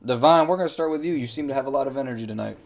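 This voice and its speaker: A man's voice: mid-range voice, racing, gravelly, slight background noise. A man hosting a podcast, easygoing and agreeable, introducing segments amid casual banter. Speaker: podcast host.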